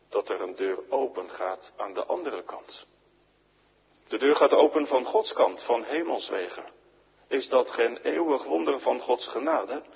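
Gravelly, husky preacher in a reverberant church. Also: male voice, medium pitch. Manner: pleading, rising to emphatic climaxes; speaks in voices of sinner and Jesus in dialogue. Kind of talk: sermon. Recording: lo-fi church radio broadcast with long reverb.

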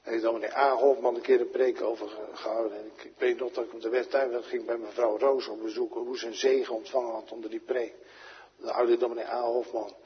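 A man preaching a fervent sermon, repeating phrases and putting direct questions to the congregation, swinging from loud emphatic calls to quiet appeals. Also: mid-range voice, little pitch movement, fairly quick, slight background noise. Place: church. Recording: lo-fi recording with long church reverb.

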